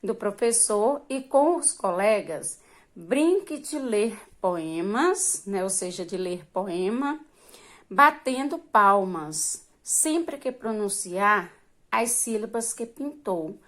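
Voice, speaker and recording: Woman teaching young kids remotely, very slow, patient, drawn-out words. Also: medium pitch, animated, fairly bright tone. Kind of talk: remote primary school lesson.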